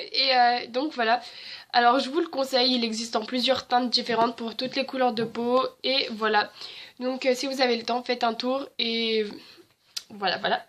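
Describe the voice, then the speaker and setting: Young woman, beauty vlogger, high voice, chatty, fillers and restarts. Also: a bit bright. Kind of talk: casual haul and swatch video.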